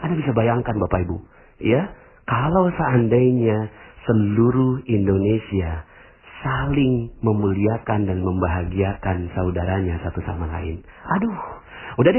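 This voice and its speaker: A man giving a motivational religious talk to an audience, acting out quoted voices and swinging between high exclamations and soft, prayerful tones. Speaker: motivational Islamic speaker. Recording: tinny phone-like audio.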